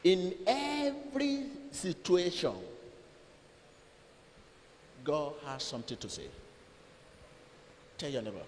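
A middle-aged man preaching to a seated congregation in a large church hall, speaking slowly and emphatically into a handheld microphone, with dramatic swings in loudness and long pauses between phrases. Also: high voice, huge pitch swings. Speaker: pastor. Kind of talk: sermon. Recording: long hall reverb, faint room noise.

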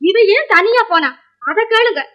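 Scolding woman of the house, rambling, very high and sharp voice, old film. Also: lively intonation, measured pace, lo-fi sound, heavily acted. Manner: scolding, rambling tale-telling. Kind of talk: 1950s film acting.

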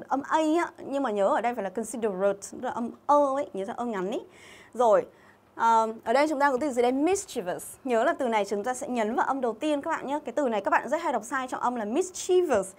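A Vietnamese English teacher runs a fast-paced livestream exam-review lesson in a slightly high voice. Chatty throughout, she keeps reading out viewers' names from the comments between explanations.

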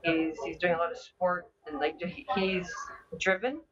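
Low-pitched young woman on a distant mic. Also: steady tone, normal speed, a crowd in the background. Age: young adult. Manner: hesitant, repeating words as she goes. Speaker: interview guest, dog team owner. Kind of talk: conversational interview answers. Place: large busy indoor meeting hall. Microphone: video call. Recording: muffled video call, distant microphone.

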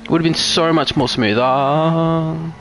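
A man's voice: fairly high pitch, steady tone, a little slow, fairly bright tone, a little hiss or hum. A young man streaming a driving game live, chatting casually with viewers, swearing often and venting road rage. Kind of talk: live gameplay commentary.

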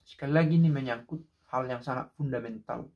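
Seated in a small room beside a window, a man in his thirties offers casual, reflective commentary to the camera, asking rhetorical questions and using lots of fillers and restarts. He speaks briskly at medium pitch with vocal fry, and the recording is muffled.

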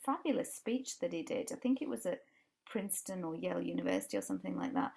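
With vocal fry, a breathy edge and a slightly mellow quality, her lowish voice swoops wildly in pitch as she talks fast. She is an earnest life coach in her forties from England, Yorkshire accent and all, guesting on a casual podcast by video call from a home room with a brick wall, and she keeps restarting her sentences.

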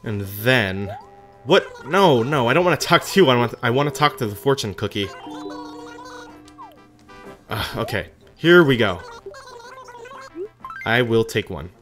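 A video game host with very lively, swinging intonation gives casual commentary on play. The delivery is animated and self-directed, like thinking out loud, with music playing behind. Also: medium pitch, a little slow, pauses often. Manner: animated, musing aloud to self. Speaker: host of a gaming series. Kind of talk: casual gameplay commentary, reading game dialogue aloud.

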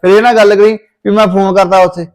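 A stubborn village husband, played by a man, lectures his wife in quick Punjabi-accented speech. His voice sits a little high, and he drives his points home with repeated questions. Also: level tone, close to an everyday voice. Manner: scolding, keeps asking "right?". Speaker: husband in a domestic quarrel.

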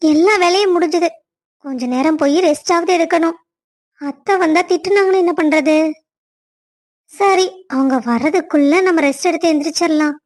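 A playful young cartoon wife, voiced by a woman, teasing and cheerful in a high, bright voice. She jokes with her husband lightly. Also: normal speed. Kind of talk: cartoon story voice acting.

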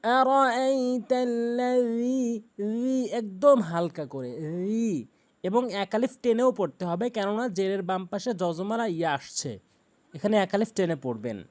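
A man with a Bangladeshi Bengali accent teaching Quran recitation, explaining pronunciation rules and chanting verses slowly and melodically. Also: sits high, lively intonation, a little mellow. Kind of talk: tajweed lesson with recitation.

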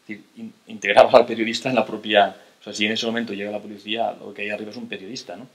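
Low flat-voiced man lecturing. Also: rapid-fire, rough recording. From Spain. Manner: hesitant, many restarts and tag questions. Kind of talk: lecture to an audience. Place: lecture hall, seated at a table. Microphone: table mic on a stand.

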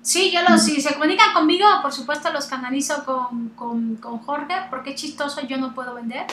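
A woman hosting a casual interview over a video call, chatty and animated, laughing often. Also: high voice, fairly quick, reverberant, a little hiss or hum. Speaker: host.

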